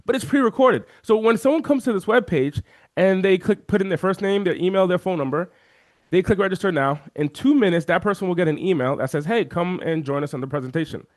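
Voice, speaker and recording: A man talking as an interview guest, walking through software on a shared screen and acting out the voices of chat viewers. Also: sits high, a little fast, no room sound, studio quality. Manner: animated, acts out quoted chat voices. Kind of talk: energetic screen-share walkthrough.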